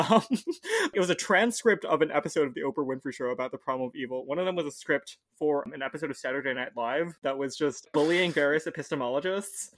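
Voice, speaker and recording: A woman's voice: low-pitched, no room sound, studio quality. A woman in her twenties co-hosting a casual book-club podcast, rambling along with frequent laughs. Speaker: podcast co-host.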